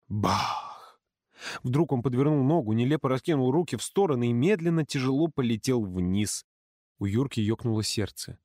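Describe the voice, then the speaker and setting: A man narrating an audiobook in a lively, characterful way, close to the mic. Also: medium pitch, no echo.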